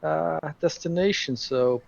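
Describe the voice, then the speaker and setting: A man's voice: on the high side, unhurried, vocal fry, no room sound. A man playing in a tabletop game, speaking hesitantly and matter-of-factly. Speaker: player. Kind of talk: in-character tabletop play. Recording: dull, dry sound.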